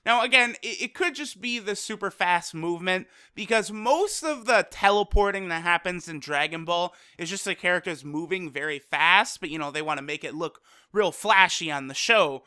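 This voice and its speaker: A young man with a high, bright, crisp voice reviews an episode in loose, swearing, off-the-cuff commentary. He leans heavily on fillers like "you know" and "like." The sound is dry and close. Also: moderate pace, hardly any pauses, no echo. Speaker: anime reviewer.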